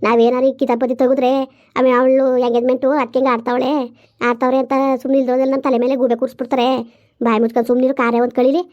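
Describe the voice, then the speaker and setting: A middle-aged woman playing a weary mother who hushes her angry daughter and complains of her own hardship in a village comedy skit. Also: sits high, fairly even intonation, rapid-fire, close to an everyday voice. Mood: firm. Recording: dull lo-fi audio.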